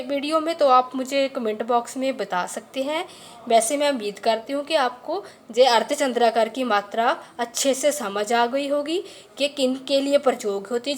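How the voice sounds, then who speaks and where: A woman teaching a grammar lesson, patiently explaining and slowly repeating the key points. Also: high voice.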